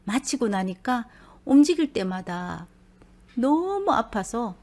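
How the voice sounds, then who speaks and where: A woman's voice: fairly high pitch, takes it slowly. A middle-aged woman, telling a personal story and acting out what her husband and brother said. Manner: animated, acts out husband and brother in dialect.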